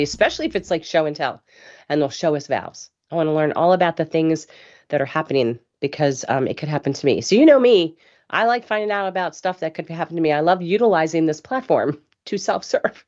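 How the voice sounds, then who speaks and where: A woman hosting a casual live show, chatty and rambling, with a hoarse voice from a cough. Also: deep voice, fast talker, a little mellow, dull audio. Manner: chatty, rambling, laughs easily. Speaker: host.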